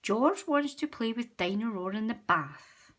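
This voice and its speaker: Slow, expressive woman storyteller. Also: fairly high pitch. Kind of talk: children's read-aloud narration.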